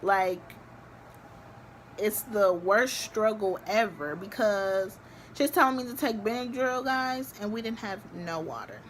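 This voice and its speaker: A young woman vlogging, telling a story to the camera in a chatty, animated way with many filler likes. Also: medium pitch, measured pace, a little hiss or hum. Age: young adult.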